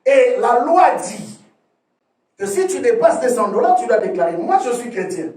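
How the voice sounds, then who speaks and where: A man pastor delivering a sermon, preaching emphatically with sudden swings from loud to soft and often repeating words as he restarts a phrase. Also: very high voice, big pitch swings, moderate pace, far from the mic. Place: church hall. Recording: echoey room, voice from off the mic.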